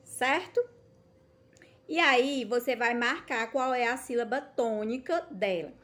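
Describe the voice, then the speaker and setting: A Brazilian woman teacher giving a patient recorded lesson to young children, often checking in to ask whether they follow and drawing words out slowly to show the stressed syllable. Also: on the high side, a bit bright. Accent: Brazilian Portuguese.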